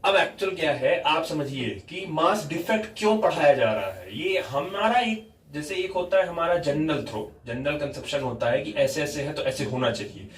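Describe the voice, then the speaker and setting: A man's voice: a little high, animated, normal speed, hardly any pauses. A male physics teacher lecturing a class, explaining step by step and repeatedly quizzing his students. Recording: echoey classroom, mic far off.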